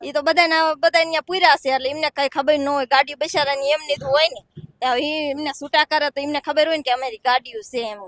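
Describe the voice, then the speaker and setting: A woman's voice: high voice, fairly even intonation, fairly quick, a bit bright, dry recording, studio quality. A young woman giving distressed, pleading testimony to a reporter. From Gujarat, India. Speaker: villager interviewed. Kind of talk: emotional testimony.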